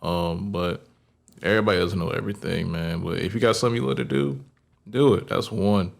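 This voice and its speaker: A young man with a low, gravelly voice talks casually on a podcast. He gives laid-back advice and leans on "man" and "bro" as he goes. The fry sits under most of his words. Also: brisk. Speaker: podcast co-host. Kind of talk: casual chat.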